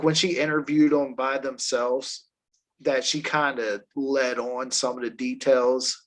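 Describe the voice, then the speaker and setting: A man's voice: mid-range voice, bright, forceful tone. A man co-hosting a casual podcast, telling a story with swearing and laughter. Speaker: podcast co-host.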